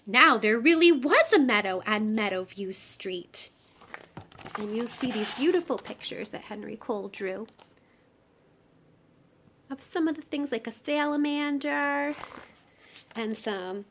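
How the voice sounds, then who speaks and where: In a lo-fi recording with a faint hiss or hum, a woman with a high-pitched voice performs an expressive read-aloud of a children's picture book. She speaks straight to her young audience, slipping in asides along the way.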